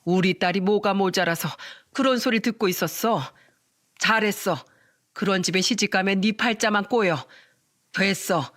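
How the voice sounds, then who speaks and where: Woman doing a firm, protective middle-aged mother, even pitch. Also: normal speed, close to an everyday voice. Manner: firm, reassuring.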